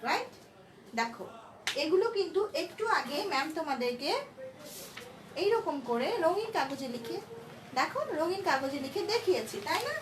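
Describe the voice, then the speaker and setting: High-pitched woman teaching English. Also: animated, moderate pace, long pauses, far from the mic. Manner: mixes Bengali and English, asks rhetorical check questions. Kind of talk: classroom lesson for children. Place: classroom or room at a board. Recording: roomy echo, voice from off-mic, faint noise.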